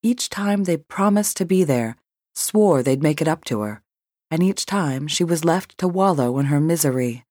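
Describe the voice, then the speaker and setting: A woman narrating an audiobook in an emotive, measured reading. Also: sits low, lively intonation, a little mellow, dry recording, studio quality. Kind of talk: scripted narration.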